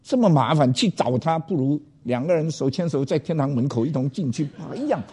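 An older man, a pastor, telling a personal story to an audience in a loud, animated way, dropping in English phrases. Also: on the high side, fairly quick, breathy edge.

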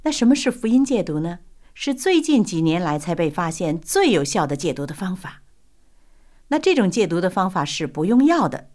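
Animated woman telling a faith testimony. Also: on the low side. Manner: animated, dramatic with sighs and hushed asides. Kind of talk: sermon-like storytelling.

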